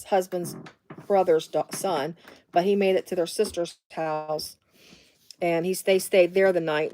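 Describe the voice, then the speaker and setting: A middle-aged Midwestern woman with a fairly low, darkish voice hosts a casual live sewing demo from her home sewing room. She rambles into side stories, using plenty of fillers. The recording has no room sound.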